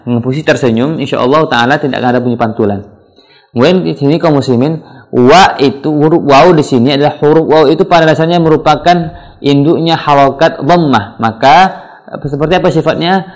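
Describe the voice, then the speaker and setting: A man teaching Quran pronunciation, explaining patiently and then chanting verse fragments slowly. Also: medium pitch. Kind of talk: tajwid lesson with slow recited examples.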